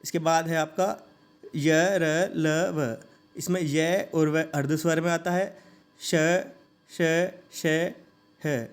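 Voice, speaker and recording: Man teaching sounds over soft music. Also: fairly high pitch, fairly even intonation. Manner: repeats each sound slowly and asks listeners to say it along. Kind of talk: Hindi grammar lesson.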